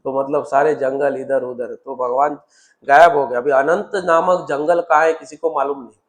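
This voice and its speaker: A man's voice: mid-range voice, fairly even intonation, normal speed. A man with an Indian accent preaching a sermon, telling the story with acted-out dialogue and repeated words. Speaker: temple preacher.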